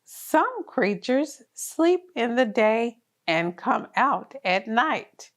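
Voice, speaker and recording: Sing-song and fairly high-pitched, this woman draws out her words while narrating a picture book for toddlers. Her delivery is encouraging and pitched toward very young children.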